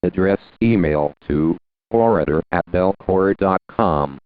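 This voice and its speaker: A very deep male voice from an old speech synthesizer. It speaks slowly and robotically, in stilted words. The sound is narrow and phone-like. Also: no room sound. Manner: stilted word-by-word machine delivery. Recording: muffled phone-like lo-fi audio.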